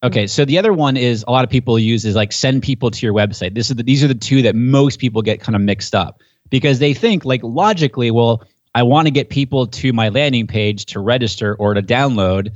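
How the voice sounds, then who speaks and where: A man's voice: medium pitch, brisk, no room sound. A man, a guest on a podcast, explaining his subject in an enthusiastic, conversational way that gets pumped up as he goes. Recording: dull, dry podcast audio.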